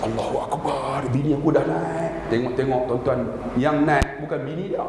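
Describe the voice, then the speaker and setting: A man giving a comic sermon in a surau prayer hall, telling jokes and stories in an animated way. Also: mid-range voice, normal speed. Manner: animated, joking storyteller. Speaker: religious preacher. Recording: echoey hall with PA noise.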